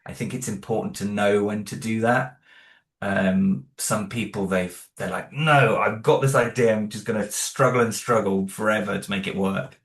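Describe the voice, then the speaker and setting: Speaking at a moderate pace, this man has a lowish, slightly bright voice with fairly even intonation. He's in a casual interview about the music and sound of his audio drama, rambling loosely with many fillers and restarts while downplaying himself.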